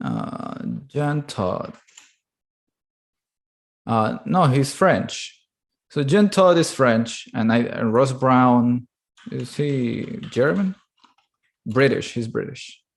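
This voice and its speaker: Animated man chatting with lots of fillers. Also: mid-range voice, creaky. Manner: animated, fast bursts, many fillers. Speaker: podcast co-host. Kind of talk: casual chat.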